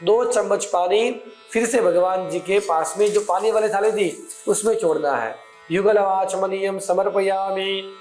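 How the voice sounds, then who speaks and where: A man guiding a puja step by step, with slow, measured Sanskrit mantra chanting. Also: high voice. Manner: slow, measured recitation of mantras and name litanies. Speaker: puja instructor. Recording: echoey room with soft music behind.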